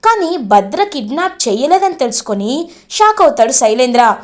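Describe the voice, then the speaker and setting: A woman's voice: high-pitched, normal speed. A woman retelling the events of a TV serial as a dramatic story. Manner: animated, emphatic narration.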